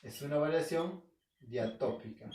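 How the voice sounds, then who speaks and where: Fairly high-pitched but darkish in tone and a little slow, a male teacher from Peru with an Arequipa accent leads a recorded home-learning language class. Far from the mic in an echoing room, he asks himself questions, answers them, repeats key terms, and checks in with listeners.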